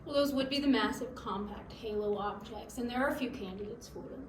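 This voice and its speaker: A young woman with a fairly high voice explains physics in a student skit. She sounds set back from the mic in an echoey room with faint noise. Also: fairly quick, recorded from a distance.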